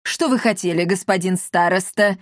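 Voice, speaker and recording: A woman's voice: fairly low pitch, moderate pace, no room sound, clean studio sound, lightly acted. A woman reading a story aloud, voicing a smug, sly male chief of gendarmes who talks down to others. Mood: condescending.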